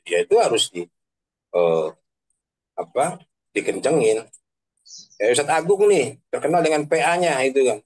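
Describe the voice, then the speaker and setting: A man's voice: mid-range voice, poor audio. Chatty joking male preacher. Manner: chatty, tags sentences with 'kan begitu'; joking, laughs at own examples. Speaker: Islamic preacher. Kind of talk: casual online religious talk.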